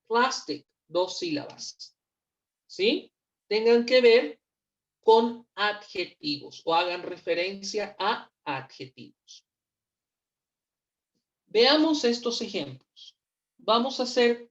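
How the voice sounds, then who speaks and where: Slow, patient woman teacher on a call. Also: medium pitch, dull audio. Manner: patient, slow, repeats words for pronunciation. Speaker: English teacher. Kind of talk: online class explanation. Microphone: computer mic on a video call.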